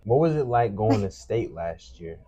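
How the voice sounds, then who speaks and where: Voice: medium pitch, lively intonation, normal speed, dark tone. An interviewer asking a young athlete questions in an informal, loosely phrased way.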